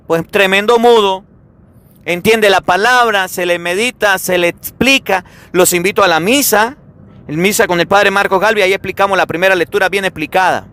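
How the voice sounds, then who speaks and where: Animated priest preaching, high bright voice. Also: male voice. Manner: animated storytelling, acting out everyday dialogues. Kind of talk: sermon.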